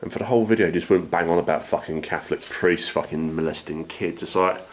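A man's voice: low-pitched, quick pace, slight background noise. A middle-aged man exploring an abandoned house, joking crudely and swearing in casual banter. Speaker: urban explorer.

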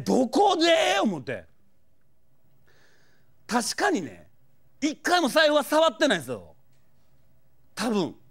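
A man with a Kansai accent telling funny stories as a comedian, acting out the scenes as he goes. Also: high-pitched. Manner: animated, acts out scenes, chuckles through punchlines. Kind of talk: comic storytelling monologue.

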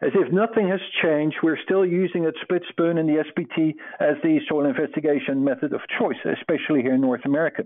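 A man's voice: fairly high pitch, steady tone, quick pace, few pauses. A middle-aged man from the Netherlands with a Dutch accent, giving an earnest, explanatory webinar lecture with frequent fillers. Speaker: presenter. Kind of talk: webinar lecture over slides. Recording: tinny phone-like webinar audio.

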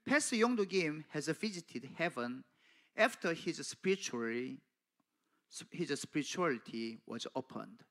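A middle-aged man preaching at a pulpit in a small church, speaking into a handheld mic, slow and emphatic, calling out "Amen?" to the congregation. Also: fairly high pitch, expressive. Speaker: pastor delivering an English translation of a sermon. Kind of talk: sermon. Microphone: handheld microphone at a pulpit.

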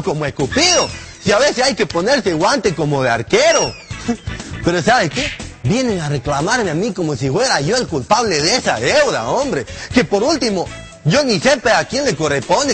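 Male comedian as an old delivery-room hand, high and animated, crude and rambling, faint music under. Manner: rambling, swears often, laughs at his own jokes. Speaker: comedian doing a character monologue. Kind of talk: comic character monologue to camera.

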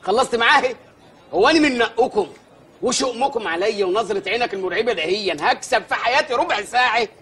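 High, fast ranting village mayor. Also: male voice, a little hiss or hum, full character voice. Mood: grumbling bluster. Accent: Egyptian Arabic. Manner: loud, excitable comic ranting and grumbling. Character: blustering, superstitious male village mayor. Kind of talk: film comedy acting.

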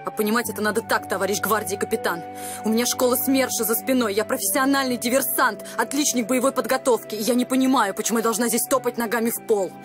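A woman's voice: on the high side, fast, close to an everyday voice. An actress in her twenties playing a proud, wounded junior lieutenant in a war film, intense in manner. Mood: defiant. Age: 20s. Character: proud, wounded young woman junior lieutenant, trained saboteur. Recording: faint film music under the voice.

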